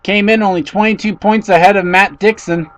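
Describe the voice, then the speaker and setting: A man with a high voice calling a race play-by-play. He reels off positions and names, then gets excited and loud when cars bang together. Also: fairly quick, a little hiss or hum, rough recording. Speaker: race commentator. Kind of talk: play-by-play commentary.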